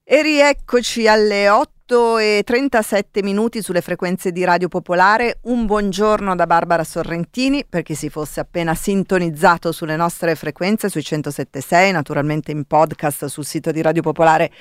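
A woman hosting a morning radio show in a casual, talkative way, often pausing with hesitant fillers. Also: fairly low pitch, fairly even intonation, clean tone, no room sound, studio quality. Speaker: radio host.

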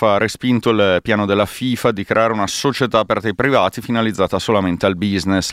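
Male radio newsreader, fast and low, dry studio sound, brisk bulletin read. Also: fairly bright tone, no room sound.

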